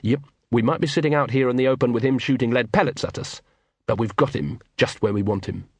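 A man's voice: medium pitch, a little fast, darkish tone, husky, no room sound. A man voicing a wry, battered city watch captain in an audiobook, speaking in a dry, sardonic way.

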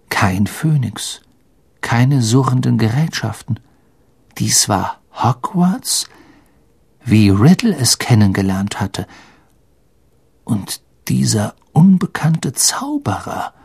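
A man narrating an audiobook with slow, expressive storytelling. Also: mid-range voice, creaky, husky, dry recording, clean studio sound.

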